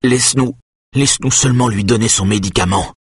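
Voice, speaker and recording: A man's voice: on the low side, expressive, normal speed, a bit bright, husky, no echo, clean studio sound, exaggerated voice. A man voicing a desperate man who pleads with a quavering voice in an audiobook thriller. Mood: pleading.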